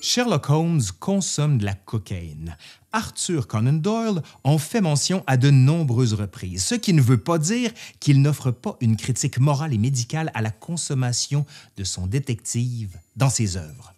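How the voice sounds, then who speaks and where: Lively man narrating history. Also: mid-range voice, measured pace. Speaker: history video host. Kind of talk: scripted narration.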